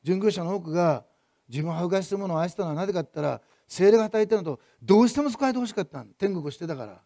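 Male pastor, quick-paced sermon delivery, swings between emphatic repetition and soft asides. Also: sits high, lively intonation, dry recording, clean studio sound. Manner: builds to loud emphatic repetition, then drops to soft asides.

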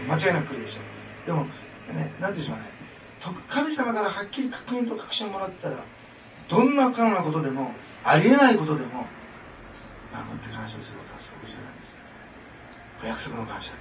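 A male pastor preaching a sermon with fervent, expressive delivery, often breaking into laughter. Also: fairly high pitch. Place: church sanctuary. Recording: echoey hall from a distance with noise.

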